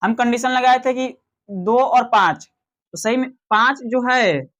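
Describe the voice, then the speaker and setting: Slow-explaining Hindi maths teacher, man. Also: very high voice, fairly bright tone, highs cut off. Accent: Bihari Hindi. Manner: slow, explanatory, asks questions and answers them himself. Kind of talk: classroom maths lecture.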